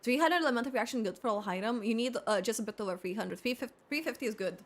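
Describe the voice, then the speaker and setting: With a high-leaning voice and lively intonation, a woman talks rapid-fire through a game stream, offering casual live commentary. She rambles and works things out aloud, fixing her own statements as she goes.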